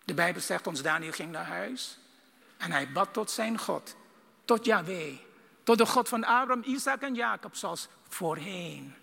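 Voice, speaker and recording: Fervent male preacher, high gravelly voice, husky edge, recorded in a big reverberant hall. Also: lively intonation, unhurried. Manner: fervent, swinging from loud bursts to hushed lines. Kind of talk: sermon.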